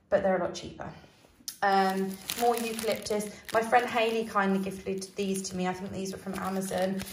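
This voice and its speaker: A woman with a croaky voice, chatting casually through a craft tutorial with many fillers. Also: mid-range voice, a little hiss or hum. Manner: rambling, conversational, many fillers. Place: room at home under ceiling spotlights. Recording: echoey room.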